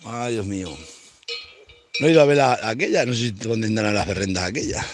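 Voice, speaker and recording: A man's voice: fairly low pitch, a little fast, a little hiss or hum. Farmer guy out with his cattle, muttering and hollering at the cows, cowbells clanking. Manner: rambling, talks to himself and calls out to the cattle. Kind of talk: casual monologue while working. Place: outdoors among cattle.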